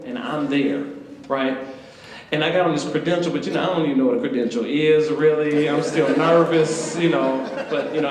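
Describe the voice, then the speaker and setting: Southern guy from atlanta doing a funny story for a college crowd, very echoey hall. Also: medium pitch. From Atlanta, Georgia, US. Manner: lively, playful, talks straight to the audience. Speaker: author speaking to students. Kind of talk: humorous storytelling talk. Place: university event hall.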